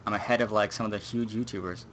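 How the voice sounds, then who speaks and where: A man's voice: fairly low pitch, fairly even intonation, fast talker, a bit bright, a little hiss or hum. A young man hosting a gaming livestream in casual chat, rambling with many fillers. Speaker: stream host.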